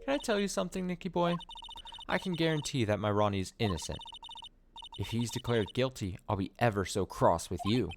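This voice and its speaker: A man's voice: medium pitch, expressive, fairly quick, gravelly, background noise. A man voicing a sweet, protective young woman in a mystery game, affectionate and teasing.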